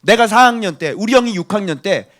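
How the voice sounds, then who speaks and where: A middle-aged male pastor preaching a sermon, emphatic, swinging between loud outbursts and hushed asides. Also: sits high, lively intonation, brisk.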